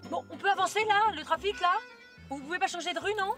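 Brief: stammering, defensive friend, very high voice, music under. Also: female voice, fast, fairly bright tone. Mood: impatient. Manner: stammers and repeats words, snaps back. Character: flustered young woman friend, stammering and defensive. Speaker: best friend on the phone. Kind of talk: film acting. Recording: film soundtrack with music underneath.

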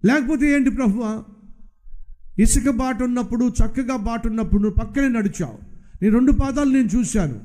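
A man's voice: very high-pitched, a little fast, warm tone. A man voicing a poor, suffering man who pleads and questions God in a sermon story. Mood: pleading.

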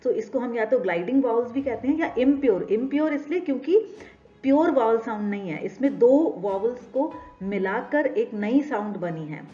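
A woman's voice: a little high, expressive, moderate pace. A woman with an Indian accent teaching English phonetics, patiently explaining and repeating example words. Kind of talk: explanatory lesson, mixing Hindi and English. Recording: slightly dull lo-fi recording with soft background music.

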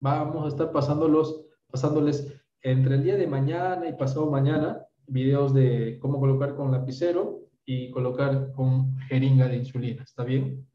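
Over a video call, this Peruvian man in his thirties runs an online medical workshop, taking questions and walking through each step. He talks in a mellow, mid-range voice at normal speed with hardly any pauses, frequently asking "¿está bien?" in his Peruvian Spanish accent. The sound is dull, distant, and roomy.

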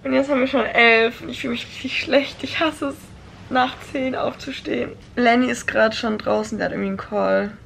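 A young woman in her twenties talks casually into a handheld camera, chatty and quick to laugh. Her voice sits a little high. Car and street noise run clearly behind her. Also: fairly even intonation, fairly bright tone. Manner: chatty, laughs often, mixes in English phrases. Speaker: vlogger. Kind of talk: casual vlog chat. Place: car, hotel room and outdoors. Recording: noisy handheld vlog audio.

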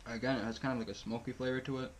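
A man's voice: medium pitch, little pitch movement, very fast, a little hiss or hum. A young man giving a blunt, offhand food review while talking with his mouth full. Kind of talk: casual vlog review.

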